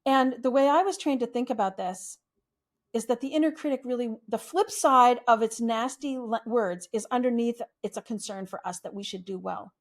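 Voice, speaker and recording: A woman therapist in a podcast interview, speaking in a gentle, soothing, reflective way. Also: a little high, moderate pace.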